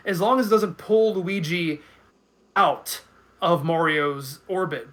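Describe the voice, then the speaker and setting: A man in his thirties joins a casual video podcast as a guest commentator, chatting loosely and thinking aloud. His voice is high-pitched, pushed and bright. He hesitates and repeats words as he goes.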